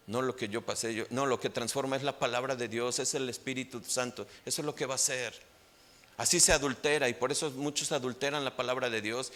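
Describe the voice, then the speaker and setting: Mexican man preaching a sermon. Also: fairly bright tone. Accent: Mexican Spanish. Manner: emphatic preaching, rising in pitch on key points, asks the congregation for amens. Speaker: pastor.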